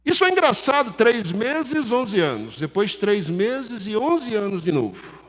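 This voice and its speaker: A man's voice: sits high, sing-song, slow, big-room sound. A man preaching an expository sermon, reading and explaining Bible verses and rising to urgent emphasis.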